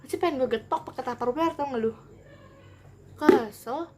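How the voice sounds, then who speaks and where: A young woman telling a childhood story in a casual vlog, animated and rambling. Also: high voice, quick pace, slight background noise. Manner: animated, rambling, acts out every quote. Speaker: vlogger.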